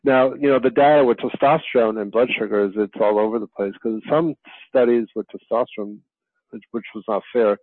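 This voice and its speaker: A man's voice: mid-range voice, brisk, breathy edge, dry recording. A man, a physician guest in an interview, talking with many fillers and restarts. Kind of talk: conversational interview. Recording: tinny phone-line remote call.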